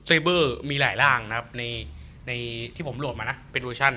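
A man reviewing a fighting game character, talking through the moves and exclaiming loudly at the flashy attacks. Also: mid-range voice, brisk, slight background noise. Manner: excitable, exclaims and gasps often. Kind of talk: excited gameplay commentary. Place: home beside a busy road.

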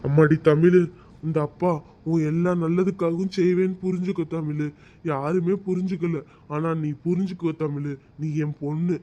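A man voicing an angry, protective middle-aged village father in a cartoon, loud and scolding. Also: high-pitched, lively intonation, fairly quick. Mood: tender. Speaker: father of the bride.

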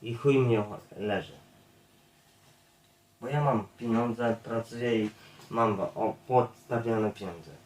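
A man's voice: mid-range voice, slow, long pauses, a little mellow. Guy ranting at his viewers, swears a lot, keeps repeating himself, sounds far off from the mic in an echoey room. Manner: blunt, profane, repetitive; addresses viewers constantly. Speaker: YouTube streamer.

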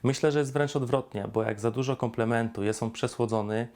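A man's voice: medium pitch, brisk, a little mellow. A man giving dating advice straight to the viewer as a coach, in an instructive way, acting out sample lines. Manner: instructive, addresses viewer directly, acts out pickup lines. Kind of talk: direct-to-camera advice talk.

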